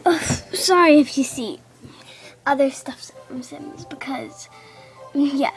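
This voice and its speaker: High-voiced young girl narrating gameplay. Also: slow pace. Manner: chatty, rambling, with frequent fillers. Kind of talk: casual gameplay commentary. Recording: gameplay audio with loud music underneath. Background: background music.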